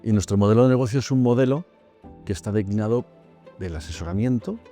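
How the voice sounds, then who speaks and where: A man in his fifties from Madrid, a private bank executive speaking in a corporate interview, measured and pausing often with "eh". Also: lowish voice, mellow, faint music behind. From Madrid, Spain. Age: 50s. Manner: measured, with frequent "eh" pauses.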